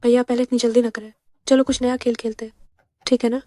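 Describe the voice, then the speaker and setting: A woman playing a cool, quick-talking heroine. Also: fairly high pitch, natural voice. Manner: calm and firm, quick delivery. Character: cool, clever young woman outsmarting a rival. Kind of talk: Hindi dub of a drama.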